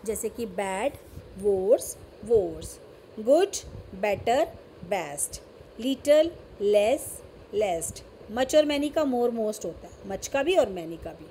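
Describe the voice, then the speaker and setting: A woman's voice: medium pitch, big pitch swings, extremely slow, warm tone, a little hiss or hum. A woman with an Indian English accent teaching a grammar lesson, mixing Hindi and English and often checking whether her students have understood.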